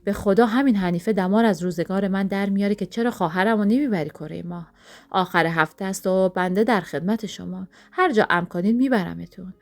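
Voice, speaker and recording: A woman's voice: medium pitch, natural voice. A woman voicing a playful, good-natured man in an audio story. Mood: joking. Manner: playful teasing. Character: joking good-natured man, brother-in-law.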